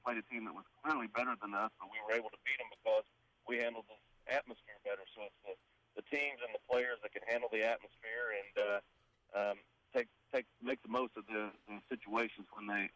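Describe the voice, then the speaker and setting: Hesitant coach, lowish voice. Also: male voice, pushed and bright, rough recording. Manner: hesitant, many fillers and restarts. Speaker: high school baseball coach. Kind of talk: phone-in interview.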